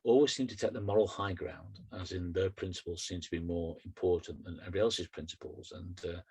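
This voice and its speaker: Husky middle-aged man, chatty poet. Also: low-pitched, fairly even intonation, a little fast, darkish tone. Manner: chatty and rambling with fillers, rhythmic when reciting. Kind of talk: book launch talk and poetry reading.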